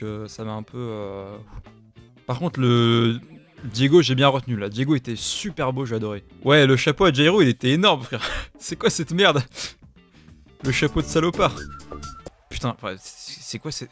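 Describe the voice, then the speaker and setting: Excitable slangy man, mid-pitched. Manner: casual, slangy, excitable with sudden loud outbursts. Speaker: YouTuber. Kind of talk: reaction video commentary.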